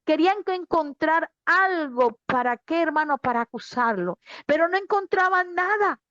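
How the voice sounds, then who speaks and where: A woman's voice: extremely high pitch, lively intonation, moderate pace, a bit bright, no room sound, lo-fi sound. A woman pastor giving a fervent sermon, speaking straight to her congregation. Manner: fervent preaching, addressing the congregation directly. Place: online church service.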